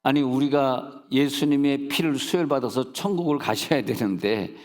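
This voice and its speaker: At a moderate pace and in a mid-range voice, a male senior pastor preaches in a church sanctuary. Folksy, funny stories, side jokes, and rhetorical check-ins with the congregation fill his sermon, heard through long hall reverb.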